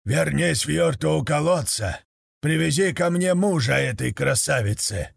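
A man voicing a domineering, greedy khan who drawls out his orders and shouts them from a distance. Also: on the high side, lively intonation, gravelly, breathy edge, no room sound, studio quality, voice pushed up, exaggerated voice. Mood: commanding. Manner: slow, bellowing commands.

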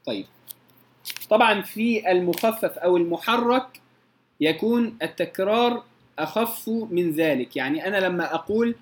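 A man's voice: sits high, lively intonation, normal speed. A man gives a recitation lesson. He explains patiently and repeats example sounds to show them. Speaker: Quran recitation teacher. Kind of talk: tajweed lesson.

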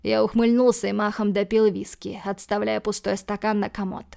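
A woman narrating an audiobook in an even, steady first-person reading. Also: mid-range voice, normal speed, creaky. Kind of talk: scripted narration.

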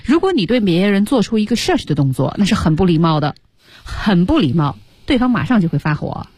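A woman's voice: medium pitch, sing-song, a little fast, a little mellow, husky, no echo, clean studio sound. A woman co-hosting a radio English lesson, chatting and drilling the pronunciation. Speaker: radio co-host. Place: radio studio.

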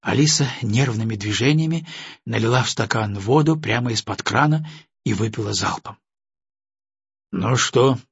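A man narrating an audiobook in a measured storytelling manner. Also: fairly low pitch, gravelly, breathy edge, no room sound, dull audio. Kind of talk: scripted narration.

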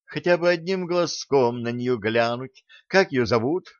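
A man reading an audiobook, voicing a curious young woman who pleads and gets excited. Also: medium pitch, a little slow, no echo, muffled recording, close to an everyday voice. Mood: eager.

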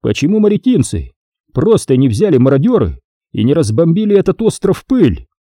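A man's voice: a little high, big pitch swings, a little fast, mellow, dry recording, clean studio sound, pitched above the performer's own voice. Man reading as a grave navy admiral. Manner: grave, explanatory. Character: grim explaining navy admiral, calm and grave.

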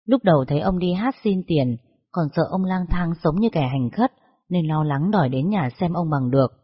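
A narrator reading a story in a steady, measured way. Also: medium pitch, slightly rough. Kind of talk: scripted storytelling. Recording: dull lo-fi recording.

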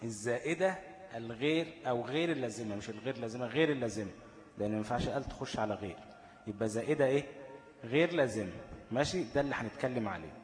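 Egyptian male teacher, mid pitch, rhetorical self-quizzing delivery, echoey room. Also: animated, rapid-fire, soft background music. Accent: Egyptian Arabic. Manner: asks questions and answers them himself, checks understanding often. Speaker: Quran recitation teacher. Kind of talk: explanatory lesson.

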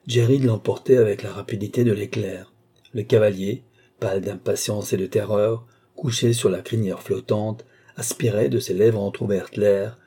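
A man narrating a classic novel as an audiobook reader, in a measured, dramatic storytelling manner. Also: on the low side, dark tone, breathy edge.

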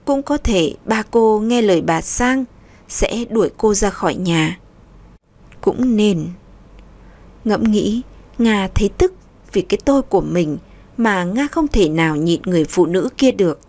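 A woman narrating a story in an even, unhurried storytelling manner. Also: mid-range voice.

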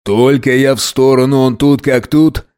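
A man reading an audiobook voices a jealous, menacing man who is a wolf shapeshifter, speaking slowly and growling threats. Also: medium pitch, steady tone, a little mellow, smooth, lightly acted.

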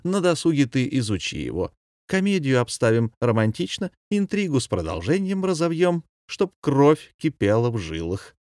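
A man's voice: mid-range voice, big pitch swings, moderate pace, a little mellow, dry recording, clean studio sound, voice pushed up, natural voice. A man voicing a boastful, pompous middle-aged male former theatre director who talks in grand, theatrical phrases, as a commandant in an audiobook. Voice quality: grandiloquent, theatrical, rhyming speech.

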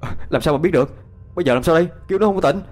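A man's voice: fairly high pitch, racing, a little mellow, soft background music, pitched above the performer's own voice, natural voice. A man voicing a panicked, out-of-breath young man in a told ghost story.

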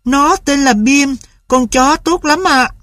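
A man's voice: very high-pitched, slow pace, pushed and bright, no room sound, clean studio sound, pitched above the performer's own voice, exaggerated voice. A man voicing a young boy who loves his dog and pleads with his parents. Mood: pleading.

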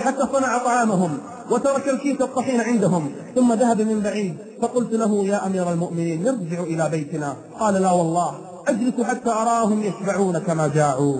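A man delivers a live sermon in a high voice, telling his stories with dramatic, emotional emphasis. The sound of a gathered crowd is clearly heard around him. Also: poor audio. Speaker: preacher.

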